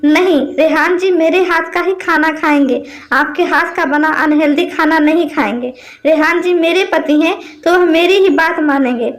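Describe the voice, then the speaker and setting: A woman's voice: high-pitched, normal speed, lightly acted. Woman doing a defiant young daughter-in-law. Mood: indignant. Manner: defiant, indignant.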